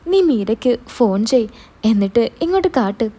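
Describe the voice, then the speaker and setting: A woman voicing a calm, homely middle-aged mother who speaks in a plain, scolding way. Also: fairly high pitch, normal speed. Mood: matter-of-fact.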